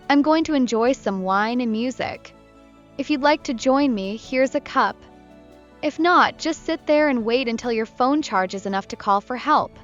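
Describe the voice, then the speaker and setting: Casting: woman reading as a chatty, bitter young woman, higher pitch, muffled with soft music behind. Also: lightly acted. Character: talkative young woman camper, heartbroken, tipsy.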